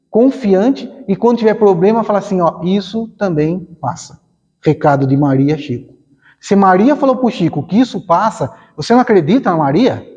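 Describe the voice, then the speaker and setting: A man's voice: high-pitched, warm tone, big-room sound, dull audio. A man from Brazil giving an informal spiritist talk, chatty, acting out little dialogues and asking his listeners questions. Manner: conversational, acts out little dialogues, asks the audience questions. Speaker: spiritist lecturer. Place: spiritist center hall.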